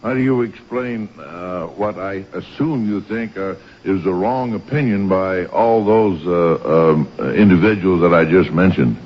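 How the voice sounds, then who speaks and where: Deep-voiced American senator, a halting man. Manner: halting, roundabout, measured. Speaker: senator questioning a witness. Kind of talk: formal hearing questioning. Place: government hearing room. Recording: dull lo-fi 1990s hearing audio, faint noise.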